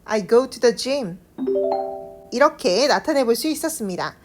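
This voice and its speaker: A woman teaching English in a scripted online lesson, with a Korean accent. She explains slowly and carefully and draws out the model sentences. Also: a little high, animated, faint music behind.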